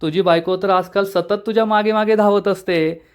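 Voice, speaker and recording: A man voicing a scheming older sister in a spoken serial recap, smooth and insistent. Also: high-pitched, steady tone, moderate pace, lightly acted.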